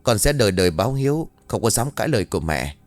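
A man's voice: fairly low pitch, sing-song, quick pace, darkish tone, no room sound, faint music behind. Man voicing young nephew, polite, pleading, lighter voice.

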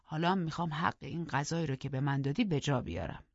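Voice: medium pitch, no echo, lightly acted. A reader voicing Heathcliff, a brooding grown man, in an audiobook, answering curtly and dismissively. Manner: curt and dismissive, firm. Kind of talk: audiobook character reading. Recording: dull lo-fi audiobook recording.

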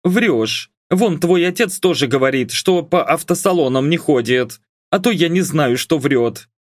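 A woman's voice: low voice, lively intonation, a little slow, no echo, clean studio sound, pitched above the performer's own voice. A man voicing a suspicious, bossy middle-aged mother who scolds her grown daughter, in an audiobook reading. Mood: scolding. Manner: nagging, bossy.

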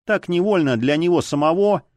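A man narrating a detective story in a measured, expressive reading. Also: a little high, no room sound. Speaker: audiobook narrator. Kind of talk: scripted narration.

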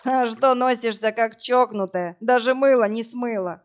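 A woman voicing a burly, crude male thug who barks orders and mocks, in a rough, coarse, threatening manner. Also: on the high side, steady tone, measured pace, natural voice. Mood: gruff. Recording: dull lo-fi audiobook, faint music.

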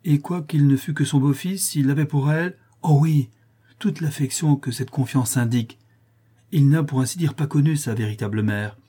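An earnest, anxious young woman who explains herself with care, as a male audiobook reader puts her on, pitched higher than his own voice. The tone is warm and dark, with a husky edge. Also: moderate pace. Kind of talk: audiobook character voice.

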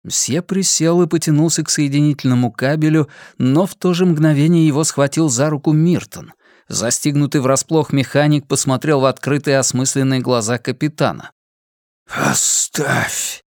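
A man giving a measured, expressive audiobook reading of a science-fiction story. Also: mid-range voice, dry recording, clean studio sound. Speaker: audiobook narrator. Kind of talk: dramatic audiobook narration.

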